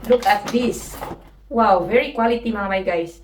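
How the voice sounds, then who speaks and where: A woman's voice: mid-range voice, a little slow, recorded from a distance. A woman from the Philippines chatting casually at home in a vlog. She giggles often and keeps saying "mga my guys.". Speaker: vlogger. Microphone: phone camera. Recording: roomy echo, off-mic, noisy.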